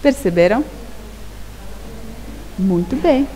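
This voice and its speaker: Slow, lively-voiced woman teacher in a reverberant room. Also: mid-range voice. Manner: slow, deliberate, repeats key words and asks "Perceberam?". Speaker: primary school teacher. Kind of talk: classroom grammar lesson. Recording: long reverb with faint hiss.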